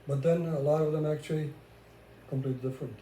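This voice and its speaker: An older Hungarian man with a Hungarian accent chats casually as a vlogger about his own life, sharing his relationship experiences in conversational talk. His voice is a little high and mellow, with fairly even intonation and a quick pace. The recording has a roomy echo and faint background noise.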